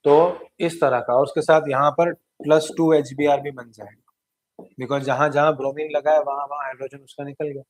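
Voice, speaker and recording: A man's voice: on the high side, no echo. A man with an Indian accent giving an exam revision chemistry lecture, explaining step by step and often checking in with the class. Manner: explanatory, mixing Hindi and English terms, frequent "theek hai" check-ins. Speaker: chemistry teacher.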